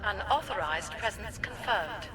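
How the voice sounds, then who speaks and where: A woman voicing a female smart-home security AI that announces in a flat, robotic way and stutters with glitches, in video game dialogue. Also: mid-range voice, unhurried, a crowd in the background. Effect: stuttering glitchy machine voice. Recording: game audio with clear background noise.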